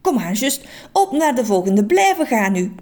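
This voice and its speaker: A woman's voice: on the high side, very animated, moderate pace, a little mellow. Woman doing a gushing man who loves dull order. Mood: self-urging. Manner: exclamatory, gushing, talks to himself. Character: fussy excitable grown man who loves colorless order.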